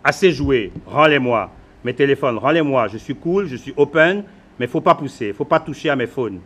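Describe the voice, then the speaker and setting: An actor playing a boastful, hurried Beninese husband with a Beninese French accent who drops English words into his French. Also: mid-range voice, lively intonation, fairly bright tone, husky. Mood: irritated. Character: flashy busy Beninese husband, phone-obsessed, self-assured. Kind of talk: theatrical monologue.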